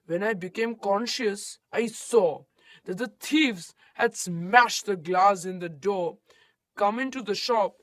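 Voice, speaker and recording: Shaken male night watchman, careful plain telling, slightly high pitch, slow, for a textbook audio drama. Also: a bit bright, dry recording.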